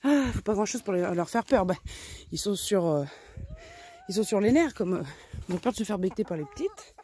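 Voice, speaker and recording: A woman's voice: mid-range voice, expressive, moderate pace, warm tone, husky. A woman casually explaining her chicken coop and garden work outdoors, chatty and step by step, with many tag questions. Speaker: vlogger keeping chickens and a garden.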